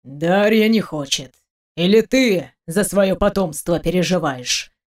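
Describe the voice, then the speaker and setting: A woman's voice: medium pitch, moderate pace, natural voice. A woman reading an audiobook, voicing a menacing middle-aged father who hisses and snarls his lines. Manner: hissing, snarling through teeth.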